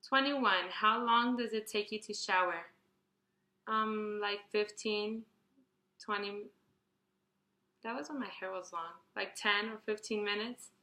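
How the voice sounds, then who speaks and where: This 21-year-old beauty vlogger talks casually through a question tag video, reading questions aloud in a bright way and rambling through answers with plenty of fillers and restarts. Her medium-pitched voice is unhurried, with long pauses, and the recording is reverberant.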